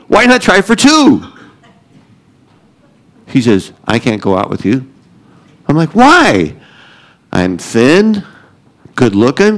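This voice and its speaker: A man's voice: fairly high pitch, rough recording. A middle-aged man preaching a sermon, telling joking, self-deprecating stories and laughing often. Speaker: pastor.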